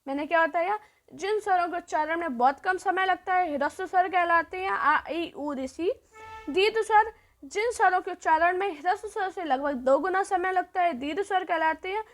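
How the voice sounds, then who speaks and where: High-voiced woman teaching a grammar lesson. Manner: repeats points, asks and answers her own questions; draws out sounds slowly.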